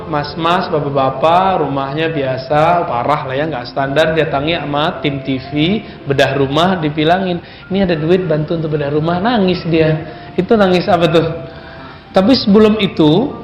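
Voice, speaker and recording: A man preaching a sermon in a lively, conversational way, often putting questions to his audience. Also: high-pitched, roomy sound. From Indonesia.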